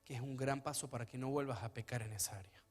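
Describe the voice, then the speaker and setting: A man preaching a sermon as pastor of a church, his delivery swinging between hushed, intimate stretches and loud, emphatic ones. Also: mid-range voice, fast talker, soft background music.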